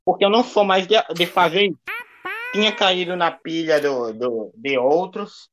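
A man's voice: sits high, normal speed, a bit bright. A man as a livestream guest, defending himself in casual debate and repeating phrases over and over.

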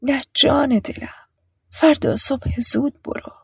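A woman voicing a weak, bedridden mother in whispered role-play, talking softly and gently. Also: high voice, vocal fry, husky, no echo, studio quality, voice pushed up, heavily acted. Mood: weak, tender. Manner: soft and weak.

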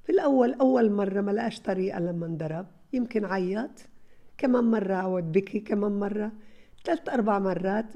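A woman's voice: mid-range voice, fast talker, dark tone, highs cut off. A woman, a parenting advisor giving advice to parents and acting out little scenes as she talks.

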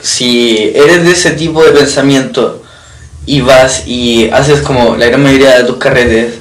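A man's voice: medium pitch, steady tone, a little slow, distant mic. Young Chilean man, podcast co-host, casual banter, off-mic in an echoey room. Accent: Chilean Spanish. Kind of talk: casual chat.

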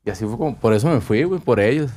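Un hombre con acento sinaloense que cuenta anécdotas en una charla informal, con mucha jerga e imitando las voces de otros. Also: male voice, medium pitch, racing. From northwestern Mexico. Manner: slangy, animated storytelling with acted-out quotes. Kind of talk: casual storytelling chat.

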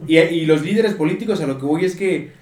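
A man's voice: fairly high pitch, a little fast, a little mellow. A young man from Jalisco with a Mexican accent, rambling casually with friends on a podcast and packing his talk with slang fillers. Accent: Mexican Spanish, Jalisco. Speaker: podcast co-host. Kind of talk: casual chat among friends. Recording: echoey room with faint ambience.

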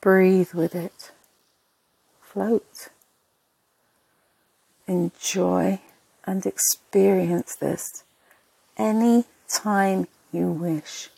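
A woman narrating a sleep meditation in a soft, breathy, husky voice, soothing and hushed, in short spaced phrases. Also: mid-range voice, fairly even intonation, extremely slow, pauses often, no echo, poor audio.

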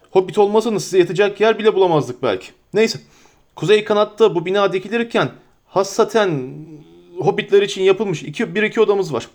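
A man reading aloud and voicing a stout, bustling, forgetful middle-aged innkeeper who chatters in a hurried, flustered way. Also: high voice, a little mellow, voice pushed up.

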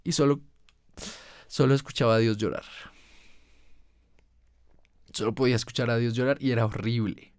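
A man's voice: mid-range voice, steady tone, moderate pace, long pauses, darkish tone, no echo, studio quality. A young man delivering an emotional personal monologue as a podcast host, earnest, with his voice climbing when he recalls his anger.

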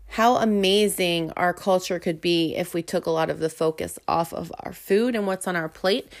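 A young woman hosts a casual motivational talk in a lowish voice. She is earnest and chatty, with fillers and restarts, and sounds slightly out of breath. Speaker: host.

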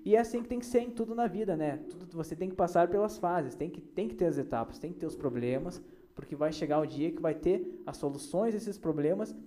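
Brief: man, podcast host, high voice, playful joking delivery. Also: animated, brisk, mellow. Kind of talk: casual chat.

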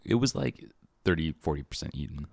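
Male co-host, low-pitched and dry-miked, slangy deadpan teasing in relaxed chat among friends. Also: brisk, vocal fry, breathy edge, no room sound.

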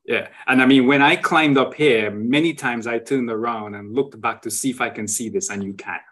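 A man's voice: medium pitch, moderate pace, fairly bright tone. A man, the guest on a talk show, explains what he found on his travels, often ending points with a tag question and restarting his phrases. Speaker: guest sharing travel photos. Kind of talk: conversational explanation.

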